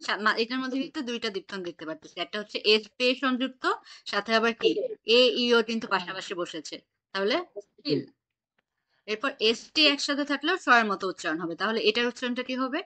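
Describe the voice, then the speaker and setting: A woman's voice: fairly high pitch, lively intonation, a little fast, bright, forceful tone. A woman teaching an online German class, patiently quizzing her students on pronunciation over a video call.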